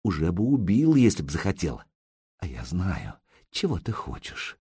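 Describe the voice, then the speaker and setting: A man voicing a bold young female captive who mocks her captor in a sharp, taunting way. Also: deep voice, wildly swooping pitch, moderate pace, slightly rough, full character voice.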